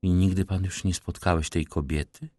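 A man's voice: deep voice, steady tone, moderate pace, a little mellow, dry recording. A man voicing an anxious aristocratic countess who keeps probing with questions. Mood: searching. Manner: pressing, questioning.

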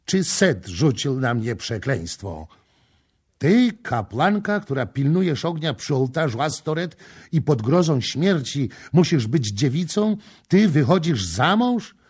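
A man reading the part of a proud young prince in an audiobook, forceful and commanding. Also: mid-range voice, lively intonation, takes it slowly, voice pushed up.

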